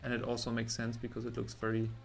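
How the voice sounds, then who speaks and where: A man's voice: medium pitch, monotone, quick pace, vocal fry. A young man from Germany chatting casually with viewers while he draws on a livestream, rambling and breaking off mid-word. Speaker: artist streaming a drawing session.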